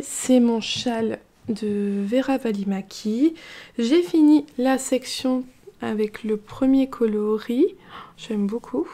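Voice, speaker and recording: A relaxed woman talks through her knitting in a chatty vlog. Her voice is mellow and somewhat high, and she meanders with fillers and restarts in an easy, unhurried way. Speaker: knitting vlogger. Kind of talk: casual chat.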